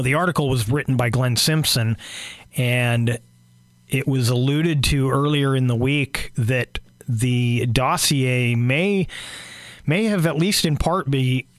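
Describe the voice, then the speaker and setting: Hoarse man with halting political commentary. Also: mid-range voice, dry recording. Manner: halting, many fillers and restarts. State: losing his voice, clearing throat.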